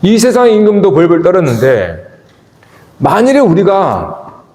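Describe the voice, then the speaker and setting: A man preaching a sermon as pastor of a church, asking the congregation questions and swinging between emphatic peaks and low, quiet stretches. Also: huge pitch swings, a little slow. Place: church sanctuary. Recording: echoey church hall with long reverb.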